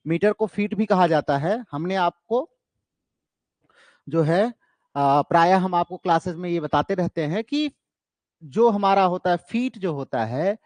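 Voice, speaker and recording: A man teaching literature in a lecture style, explaining terms step by step and repeating key points, slowing down for definitions. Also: high voice, darkish tone, no echo.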